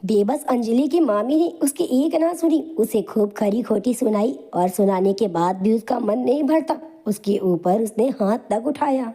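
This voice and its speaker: A woman narrating an animated moral story in a dramatic, sympathetic storytelling manner. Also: fairly high pitch, measured pace, few pauses, slightly rough.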